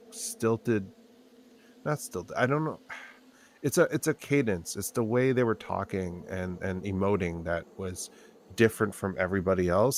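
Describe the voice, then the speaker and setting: Podcast co-host, man in his thirties, very low gravelly voice, worn out, rambling. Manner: rambling, restarting, trailing off. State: tired, low on sleep. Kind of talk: casual chat.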